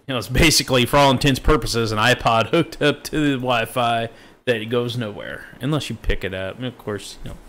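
A man's voice: medium pitch, fairly quick, fairly bright tone. A man hosting a casual tech live stream, rambling and joking as he goes off on tangents. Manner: laid-back, jokey, self-interrupting. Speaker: show host.

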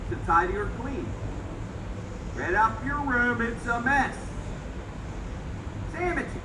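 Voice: mid-range voice, lively intonation, unhurried. Distant, echoey exhibit narrator. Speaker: talking museum robot guide. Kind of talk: scripted glossary narration with example sentences. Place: indoor exhibit, recorded from a robot's speaker. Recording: roomy, distant, noisy phone capture of exhibit speaker.

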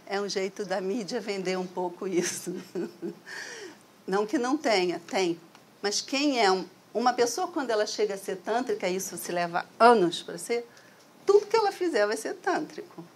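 A woman's voice: medium pitch, expressive, moderate pace, slightly rough. A middle-aged woman from Brazil giving a conversational, reflective talk to an audience through a stand microphone in a hall. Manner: conversational, reflective, frequent "né?" tags. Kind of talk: lecture to an audience.

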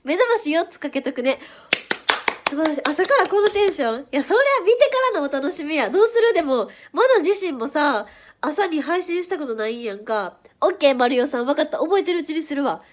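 A young-sounding woman with a Kansai accent chats on a casual livestream, her voice pitched high and a little stuffy from hay fever. She reacts to viewers quickly and playfully. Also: very animated. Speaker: idol livestream host. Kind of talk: casual livestream chat reading viewer comments.

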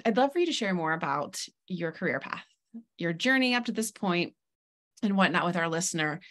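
A woman's voice: fairly low pitch, expressive, a little fast. A woman hosting a podcast on a video call, enthusiastically introducing and questioning her guest with casual fillers. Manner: enthusiastic, warm interviewer with fillers. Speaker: podcast host.

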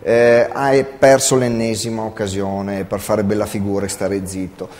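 A man's voice: fairly low pitch, flat delivery, normal speed, darkish tone, big-room sound. A man making insistent, cutting rebuttals as a pundit in a sports debate. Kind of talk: heated studio sports debate.

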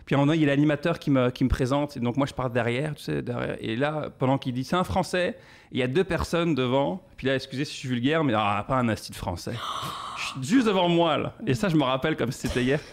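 A man in his thirties from France with a French accent, a comedian answering questions on a podcast with animated storytelling. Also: mid-range voice, fast, vocal fry. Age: 30s. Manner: animated storytelling with quoted asides. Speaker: guest comedian.

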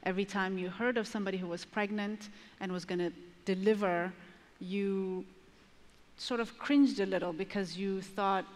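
A woman's voice: mid-range voice, steady tone. Earnest woman from Ethiopia on a hall stage. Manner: earnest, thoughtful, with pauses and restarts. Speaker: panelist, maternal health advocate. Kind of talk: panel discussion answer. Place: large conference stage with long reverb. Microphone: headset mic. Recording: reverberant large hall.

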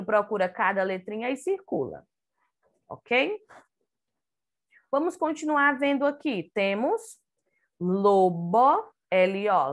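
A woman teaching an online phonics lesson to young children, with a Brazilian Portuguese accent, sounding out words syllable by syllable. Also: on the high side. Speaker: kindergarten teacher.

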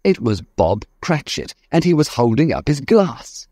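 Expressive male storybook narrator. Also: mid-range voice, a little slow, no room sound, clean studio sound. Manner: clear, expressive reading. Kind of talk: graded reader narration.

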